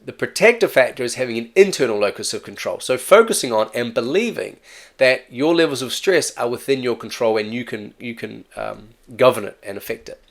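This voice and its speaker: This teacher has a non-native or regional English accent and a medium-pitched, creaky voice that moves briskly and expressively. His exam-prep lesson is loose and conversational, full of self-corrections and "right?" tossed in along the way.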